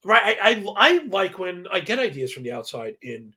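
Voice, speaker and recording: A man's voice: sits high, very animated, normal speed, pushed and bright. A man hosting a live sports betting stream, giving casual, stat-heavy commentary in slangy, professorial talk and often checking in with a tagged "right?". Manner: slangy, asks "right?" as a constant tag; self-described professorial, rattles off statistics.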